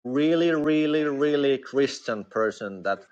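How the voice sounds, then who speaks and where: A man from Finland with a Finnish accent, speaking halting English as a non-native speaker and often pausing to search for words as a livestream guest. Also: medium pitch, animated, a little mellow, highs cut off. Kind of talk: casual chat.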